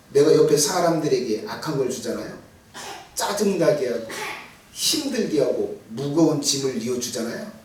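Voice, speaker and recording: Heard from far off in a reverberant hall, a middle-aged pastor preaches a Sunday evening sermon in the sanctuary. His emphatic, slightly high voice rises almost to shouting, then falls into quiet asides.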